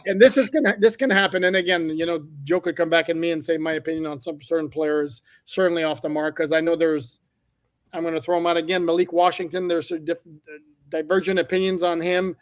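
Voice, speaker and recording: A man's voice: a little high, steady tone, fairly quick. A man, a newspaper reporter guest on a sports podcast, giving blunt, candid opinions in casual talk.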